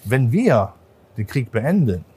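Interviewed on a stock exchange trading floor, this market analyst talks slowly in a husky, mid-range voice. His delivery is still animated and emphatic, packed with filler words.

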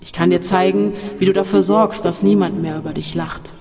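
Narrator voicing a cruel taunting voice from the dark. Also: mid-range voice, steady tone, moderate pace, gravelly, lightly acted. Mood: coaxing. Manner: mocking, then coaxing and seductive. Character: sinister male voice from a dark shaft, cruel, taunting. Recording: long reverb with faint music.

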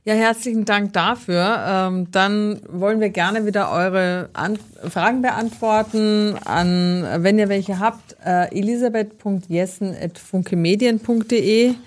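A woman's voice: medium pitch, steady tone, a little slow, few pauses. A woman hosting a podcast, talking conversationally and reading out listener questions. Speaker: podcast host.

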